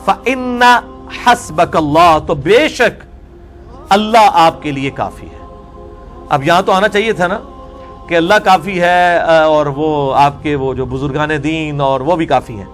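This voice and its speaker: A man's voice: high voice, fairly bright tone. A man delivers a religious lecture. He works through scripture verse by verse in a combative way. Faint music plays under his voice. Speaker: religious scholar.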